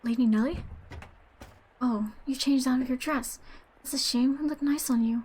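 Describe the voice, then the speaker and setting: A woman's voice: high voice, moderate pace, a little mellow, slightly rough. A woman voicing a timid, polite young female servant who stammers when pressed. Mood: flustered. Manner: hesitant, stammering.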